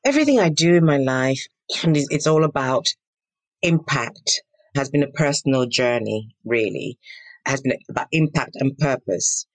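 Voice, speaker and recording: A woman's voice: very deep voice, expressive, a little slow, no echo. A woman in her fifties from Nigeria answering interview questions in an earnest, emphatic, reflective way. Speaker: guest, pharma entrepreneur.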